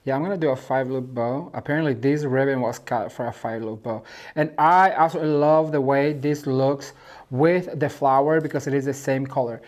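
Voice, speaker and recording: A man's voice: medium pitch, moderate pace, darkish tone. A man from Mexico hosting a home decor channel, talking viewers through a DIY craft tutorial in a chatty, gushing way and calling them "you guys".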